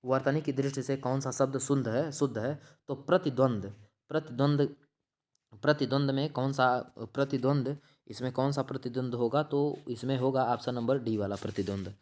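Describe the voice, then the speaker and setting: A man explains quiz answers one after another in a plain, mid-pitched voice. He repeats each term and checks in with the listener as he goes. He often breaks off mid-word to correct himself. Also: steady tone, normal speed, a little mellow. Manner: repetitive, checks in with "theek hai". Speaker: exam-prep teacher.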